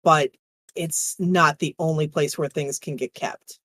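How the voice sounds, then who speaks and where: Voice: mid-range voice, steady tone, a little slow, pushed and bright, no room sound. Casual game master with a dry, close sound. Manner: casual, profane. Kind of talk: narrating a tabletop roleplaying game.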